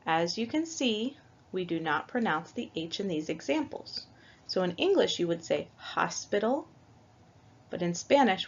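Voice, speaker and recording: A woman teaching a Spanish language lesson, going through the alphabet letter by letter and patiently spelling out each example. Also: lowish voice. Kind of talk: slow, careful language lesson. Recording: dull lo-fi recording.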